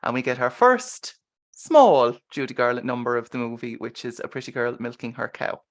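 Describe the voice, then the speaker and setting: An Irish man hosts a relaxed film discussion podcast. He talks in a chatty way, explaining points and recapping scenes for his co-hosts. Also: mid-range voice, normal speed. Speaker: podcast host.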